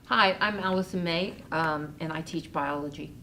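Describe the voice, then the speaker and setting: A woman's voice: deep voice, moderate pace, sharp tone. A woman biology teacher playfully reading a pirate-themed Mad Lib aloud, hamming it up.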